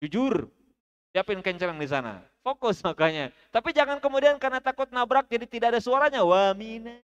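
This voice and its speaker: A man teaching Quran recitation at a mosque study session, chatty and joking, drilling the audience with slow, drawn-out recitations. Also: very high voice, a bit bright, clear, resonant tone, lo-fi sound.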